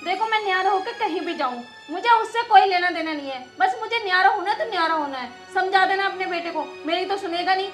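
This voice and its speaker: A woman's voice: very high-pitched, quick pace, few pauses, a bit bright, soft background music. A woman playing a resentful young daughter-in-law who complains sharply. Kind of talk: rural film drama acting.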